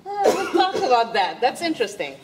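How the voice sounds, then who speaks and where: A woman's voice: high voice, brisk, very noisy. A woman from Egypt leading a live goal-setting workshop at a conference, chatty and laughing, asking the audience questions. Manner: lively, laughing, quizzes the audience. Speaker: workshop speaker. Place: conference room. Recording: echoey room, recorded from far.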